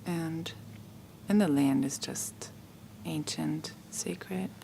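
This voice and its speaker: A woman speaks slowly and dreamily in an interview, pausing as she searches for words. Her voice is very low and gravelly. Faint outdoor ambience sits behind her. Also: dark tone, slight background noise. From Austria. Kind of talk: testimonial interview.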